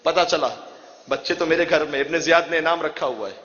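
The dull, lo-fi recording catches a man's mourning sermon ringing through a big hall with lengthy reverb. His voice is high and bright, and he narrates with passion, the emotion mounting steadily.

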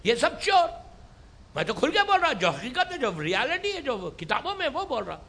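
A man with a very high, ringing voice delivers a dramatic storytelling sermon. He drops to a hush, then shouts, and his pitch leaps about with animation. English words slip into his speech. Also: huge pitch swings. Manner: swings from hushed to shouting, mixes in English words. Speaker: preacher.

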